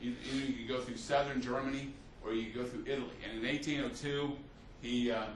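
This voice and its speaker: A history teacher gives an unscripted lecture, telling it like a story with lots of fillers and restarts. His medium-pitched voice stays fairly even and moves fast, with a little hiss or hum. The room is echoey and the mic sits at a distance.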